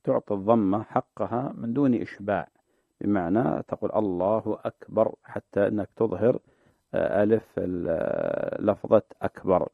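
A man, a sheikh answering religious questions on a call-in show, explaining in a measured way and drawing out the phrases he demonstrates. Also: fairly low pitch, creaky, no room sound. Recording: dry, phone-like narrow sound.

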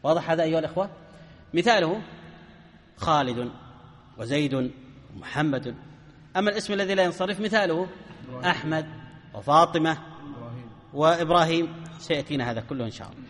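A man's voice: fairly high pitch, lively intonation, quick pace, pauses often, a bit bright, big-room sound. A man teaching a grammar lesson to a class, often asking questions and answering them himself.

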